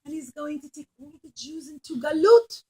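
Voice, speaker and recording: A woman teaches children as an animated storyteller, speaking simply and with emphasis while asking her listeners questions. Her voice sits high and moves at a normal speed.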